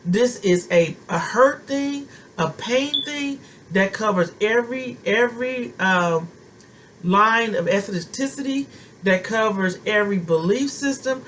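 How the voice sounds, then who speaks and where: A woman preaching straight to her listeners with fervent, homespun conviction. Her voice sits at an ordinary middle pitch, and she drives points home by repeating phrases. A faint background hiss runs under her talk. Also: lively intonation, slow pace, a bit bright, low-quality recording. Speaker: preacher and self-styled prophetess. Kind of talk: informal sermon, speaking to viewers.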